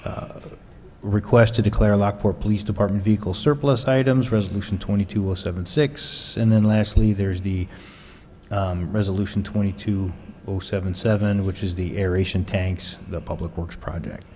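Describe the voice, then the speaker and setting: A man serving as mayor chairs a city council meeting in a relaxed, joking way, with plenty of fillers. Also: lowish voice, moderate pace. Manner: relaxed, jokey, many fillers. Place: council chamber. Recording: long reverb in a council chamber, faint noise.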